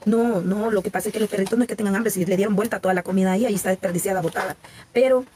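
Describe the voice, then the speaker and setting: Salvadoran woman in her 40s, live-stream chat, talkative and candid, mid-pitched, faint hiss behind her. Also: racing, warm tone. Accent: Salvadoran Spanish. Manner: talkative, candid, chatty with viewers, frequent restarts and laughter.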